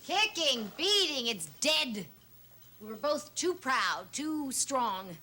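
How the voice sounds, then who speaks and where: A woman's voice: sits high, sing-song, slow, sharp tone, full character voice. A woman playing a proud, combative middle-aged divorced mother in a television drama, blunt, scolding and sarcastic. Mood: exasperated. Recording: noisy 1970s television soundtrack.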